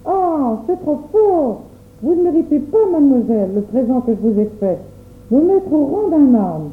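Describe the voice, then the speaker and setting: A woman playing a stern, quick-tempered mother who scolds in an imperious way. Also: sits high, sing-song, faint music behind. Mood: furious. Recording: tinny phone-like sound, roomy echo.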